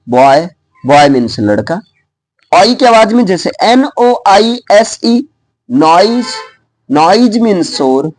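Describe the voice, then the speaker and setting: Lively Indian-accented man teaching pronunciation. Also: high-pitched, dry recording. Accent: Indian English. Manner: spells words out slowly letter by letter, then says them; checks in with the class. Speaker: English teacher. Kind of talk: lively classroom explanation.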